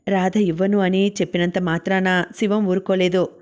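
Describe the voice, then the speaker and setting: A woman narrating a novel as an audiobook in a steady, even reading. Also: lowish voice, normal speed.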